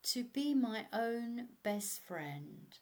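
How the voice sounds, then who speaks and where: A woman narrating a guided meditation as an instructor, in a measured way. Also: fairly high pitch, very animated, a little mellow. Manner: slow, measured, instructional delivery.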